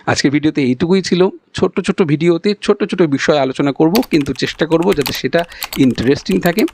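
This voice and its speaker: A man with a Bengali accent, teaching English pronunciation in a spoken lesson and demonstrating sounds slowly and patiently. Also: a little high, background noise.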